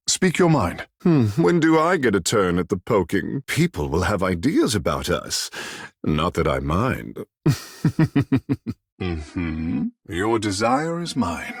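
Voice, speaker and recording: Tekēhu, theatrical swooping sea-folk godlike. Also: male voice, on the low side, gravelly, slightly rough, no room sound, clean studio sound, full character voice. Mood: flirtatious, teasing. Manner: languid, flirtatious, grandiose, formal phrasing. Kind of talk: fantasy video game character dialogue.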